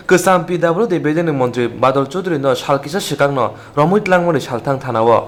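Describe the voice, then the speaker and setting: A man anchoring a news bulletin, reading the report in a steady, even way. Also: mid-range voice.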